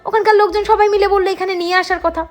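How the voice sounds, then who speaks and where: A woman's voice: very high voice, steady tone, racing, voice pushed up. A woman voicing a flustered young man explaining how a girl fainted in front of his car, in a retold serial.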